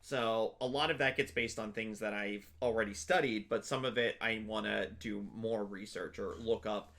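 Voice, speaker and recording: Gravelly and a bit bright, this young man's lowish voice moves at a moderate pace with fairly even intonation. He's a convention panelist chatting casually as an interview guest, prone to rambling, fillers and restarts.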